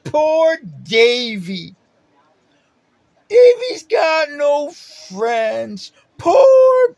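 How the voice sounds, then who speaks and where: A man doing a taunting, shouting church elder. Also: very high voice, creaky, pitched above the performer's own voice, full character voice, low-quality recording. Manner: taunting, sing-song, shouting. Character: mocking, scornful male church elder.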